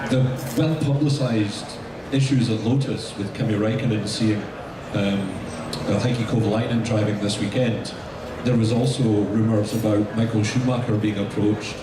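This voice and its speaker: A man's voice: lowish voice, steady tone, normal speed. A man with a broad Scottish accent, asking a question as an audience member at a live public talk. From Scotland. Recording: echoey, noisy venue from far off.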